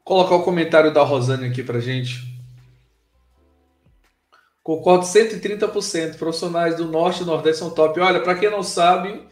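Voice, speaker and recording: A higher-pitched man from Bahia hosts a live online chat, speaking. He talks in a relaxed, informal way, with plenty of filler words. His voice carries a noticeable room echo. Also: normal speed, faint music behind. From Bahia, Brazil. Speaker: live show host. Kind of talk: casual live interview.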